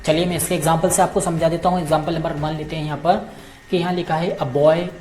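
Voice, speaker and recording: Patient male teacher explaining grammar slowly. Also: a little high, flat delivery, darkish tone, soft background music. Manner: patient, repeats points with frequent check-ins to students. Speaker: English teacher.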